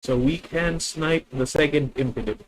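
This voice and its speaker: A man's voice: on the high side, normal speed, poor audio. A man with a Filipino accent thinking aloud as he plays a card game on stream, chatting with viewers. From Philippines. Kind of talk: live card game commentary.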